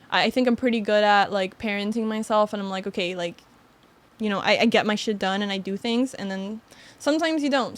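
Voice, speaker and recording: A woman in her twenties, a podcast guest chatting casually and reflectively, with lots of filler words. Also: medium pitch. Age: 20s. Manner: rambling, reflective, many filler likes. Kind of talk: casual chat.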